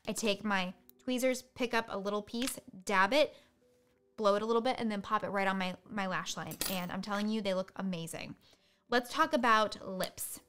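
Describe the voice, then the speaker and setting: A woman hosting a live makeup tutorial, chatting quickly through each product. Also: mid-range voice, a bit bright. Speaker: beauty host.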